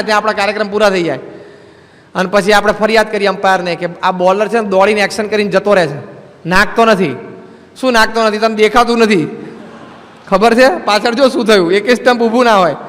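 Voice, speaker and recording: A man's voice: sits high, fairly bright tone, in a large hall. A man giving a religious discourse in a humorous, conversational way, drawing on everyday examples. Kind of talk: sermon.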